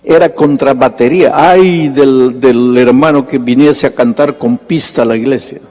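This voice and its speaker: A male pastor delivering a sermon, telling a story and acting out the dialogue, his voice jumping high in animated bursts. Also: normal speed. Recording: long hall reverb.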